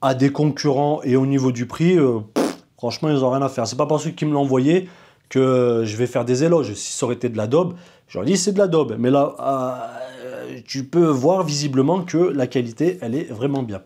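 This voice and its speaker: A man's voice: medium pitch, normal speed, warm tone. A man casually reviewing camera gear in a vlog, chatty and informal, talking straight to the viewer. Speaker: video maker reviewing gear.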